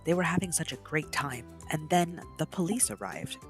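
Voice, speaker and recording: A woman with a low-sitting voice reads a children's picture book aloud in a dramatic, expressive storytime manner, stopping to explain the pictures. Faint music plays behind her.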